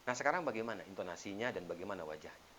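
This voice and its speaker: A man preaching a sermon as an ustadz, telling stories and acting out the quoted lines with sudden loud bursts. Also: sits low, expressive, very fast, slight background noise.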